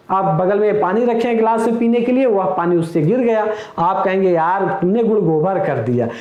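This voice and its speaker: A man with a high voice teaches a recorded exam-prep lecture, explaining each idiom with everyday example sentences and calling his viewers friends. The audio is lo-fi and sounds roomy.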